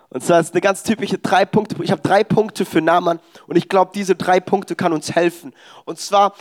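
A young man preaching a sermon, telling stories with quoted dialogue. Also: fairly high pitch. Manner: animated, storytelling with quoted dialogue.

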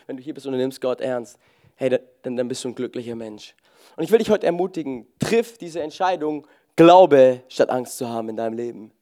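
A man preaching a lively, casual sermon, often starting lines with "hey" and mixing jokes with scripture. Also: a little high. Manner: casual, jokey, peppers talk with "hey"; swings loud and soft, fast and slow.

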